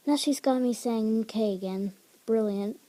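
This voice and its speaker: A resentful young pony mare behind a coffee counter, terse and clipped, as a woman reads her lines. Her voice is very dark and mellow, sitting at a middling pitch. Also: steady tone, moderate pace, natural voice, rough recording. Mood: bitter.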